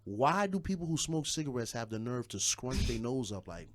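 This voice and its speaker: A man's voice: mid-range voice, moderate pace, no echo. A man from New City, hosting a podcast in casual chat, blunt and joking, cursing freely. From New York City. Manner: blunt, joking, curses freely, lively questioning. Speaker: podcast host.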